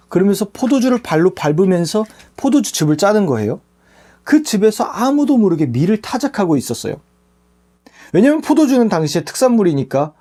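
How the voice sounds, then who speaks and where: A man's voice: on the high side, warm tone. A man, a youth pastor, preaching a sermon for an online youth service and telling the story earnestly and plainly for teens.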